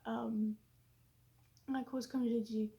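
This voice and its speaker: A woman's voice: a little high, flat delivery, takes it slowly, creaky, warm tone. Hesitant woman with an English-influenced French accent. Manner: hesitant, searching for words, many fillers; apologetic, self-conscious. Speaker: vlogger. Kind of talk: casual vlog monologue.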